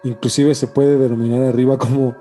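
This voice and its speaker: Over background music, a podcast co-host with a Mexican accent chats casually about ancient mysteries. His mid-range voice is dark and flat, and he speaks a bit quickly. He's emphatic and slangy and often says things twice.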